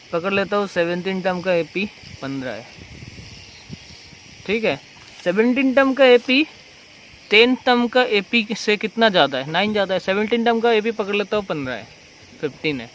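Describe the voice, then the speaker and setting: A man's voice: sits high, fairly bright tone, a little hiss or hum, rough recording. A man teaching a recorded math lesson, walking through each step and asking and answering his own questions. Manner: explains step by step, repeats questions and answers them himself.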